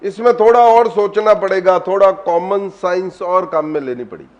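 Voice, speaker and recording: On a muffled recording, a man with a high voice talks at normal speed as he teaches a live online class. He quizzes students with repeated questions, coaxing them and calling them by fond names.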